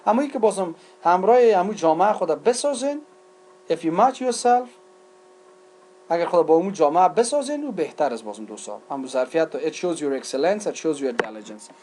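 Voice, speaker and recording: A man's voice: on the high side, animated, a little mellow. A man with an Afghan accent, a native Dari speaker, lecturing on English grammar. He switches between Dari and English and asks questions, then answers them himself. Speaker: English teacher. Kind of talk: recorded lecture.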